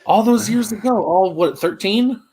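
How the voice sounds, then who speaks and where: A man with a slightly higher voice co-hosts a casual sports chat. He delivers dry, joking asides in an easy conversational tone. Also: moderate pace, a little mellow, slight background noise. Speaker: podcast co-host.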